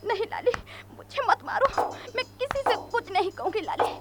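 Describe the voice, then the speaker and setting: A woman's voice: extremely high pitch, animated, normal speed, over music. A woman playing a meek, mistreated young daughter-in-law who begs tearfully. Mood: pleading. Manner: pleading, tearful.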